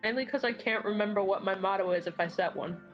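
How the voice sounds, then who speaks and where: A woman chatting as a tabletop game player, answering with dry, quick comebacks. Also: medium pitch, muffled recording, soft background music. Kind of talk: casual tabletop game chat.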